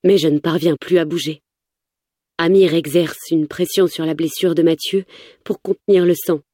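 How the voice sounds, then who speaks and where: A woman's voice: low-pitched, steady tone, moderate pace, mellow, dry recording, studio quality. A woman narrating a first-person story with tense, urgent delivery.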